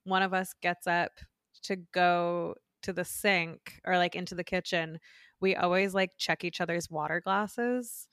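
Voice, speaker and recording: A woman's voice: on the low side, steady tone, a little slow, fairly bright tone, smooth, dry recording, clean studio sound. Chatty woman podcast co-host. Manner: chatty, laughs easily. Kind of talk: casual chat.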